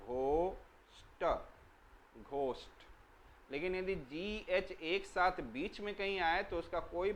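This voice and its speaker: A man's voice: a little high, a bit bright, slight background noise, low-quality recording. A man teaching a lesson for children, asking questions and answering them himself, repeating key words and spelling some out letter by letter.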